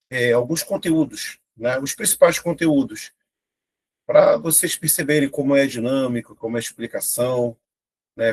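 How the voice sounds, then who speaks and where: A young adult man with a Brazilian Portuguese accent, teaching an online exam-prep grammar lesson and talking straight to his students. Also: medium pitch. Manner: lively, talks to students directly with frequent "né?".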